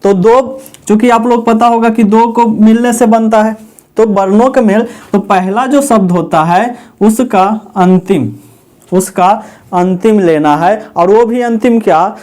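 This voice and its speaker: A man teaching a Hindi grammar lesson, asking his students questions and then answering them himself, repeating the key words slowly. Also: sits high, darkish tone.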